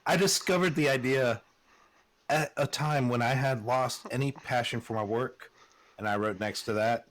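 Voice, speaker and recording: A man's voice: mid-range voice, normal speed. A man streaming casually, reading a self-help book aloud and mocking it with sarcastic asides. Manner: sarcastic, mocking the text with laughs. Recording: loud music behind the voice.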